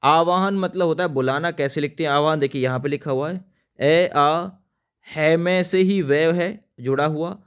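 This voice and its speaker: At normal speed, a teacher with a smooth, clear, slightly high-pitched voice teaches spelling for exams. He talks to viewers as friends, spelling out each word letter by letter while writing it. Throughout, he stresses which words are important.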